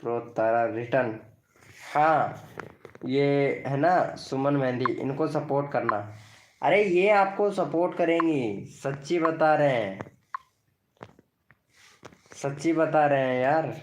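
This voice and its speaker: A man's voice: medium pitch, slow pace, pauses often, a little hiss or hum. A man hosting a casual live stream, chatting playfully with viewers and teasing them by name as he promotes their channels.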